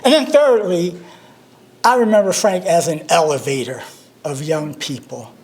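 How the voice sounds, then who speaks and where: An older man speaks at a memorial in a notably high voice for a man. He tells his stories with dry, self-deprecating humor, in the manner of a tribute speech. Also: a little slow, darkish tone. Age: 60s. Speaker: alumnus speaker at a memorial service.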